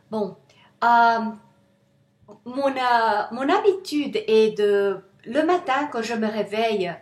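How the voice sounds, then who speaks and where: A woman with a non-native accent gives an informal motivational self-help talk as an author, often searching for words. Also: medium pitch. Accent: foreign, non-native French. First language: not French. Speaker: author presenting her self-help manual. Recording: echoey, roomy sound.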